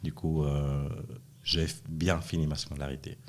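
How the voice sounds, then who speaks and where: There's slight background noise as a middle-aged man speaks in a rumbling low, level voice, a little slowly. The dance school founder, born in Chile and raised in Switzerland from five, chats casually on a podcast, joking about himself.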